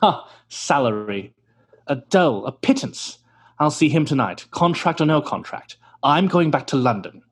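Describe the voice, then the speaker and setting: A man's voice: on the high side, big pitch swings, moderate pace, slightly rough. An actor playing a vain, pompous male stage actor who talks theatrically and scoffs, in an old-time radio drama.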